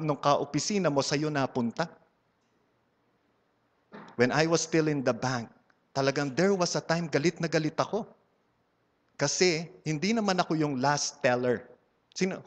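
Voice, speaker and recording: A man with a Filipino accent giving a humorous testimony talk at a church community gathering, a playful storyteller who mixes Tagalog and English and teases his audience. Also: medium pitch. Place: large hall before a live audience. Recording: long hall reverb.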